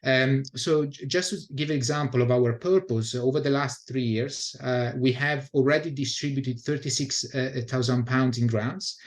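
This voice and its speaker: A man's voice: mid-range voice, steady tone, moderate pace, hardly any pauses. Hesitant Italian-accented man on a webinar. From Italy. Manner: hesitant, many fillers and restarts. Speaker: community energy director. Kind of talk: webinar presentation. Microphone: video call.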